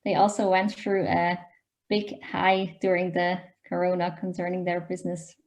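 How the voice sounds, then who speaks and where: A woman's voice: lowish voice, monotone, normal speed, a little mellow. Polite woman moderating a panel.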